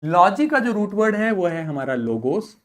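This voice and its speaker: A woman teaching a vocabulary lesson to students, explaining terms, asking check questions and repeating each word slowly for pronunciation practice. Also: medium pitch, sing-song. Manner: drills pronunciation by slow repetition; asks rhetorical check questions.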